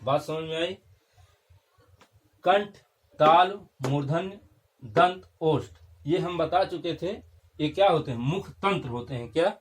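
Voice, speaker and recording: Fairly high-voiced male grammar teacher. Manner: keeps checking in with the class, repeats key terms. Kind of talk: classroom-style lesson.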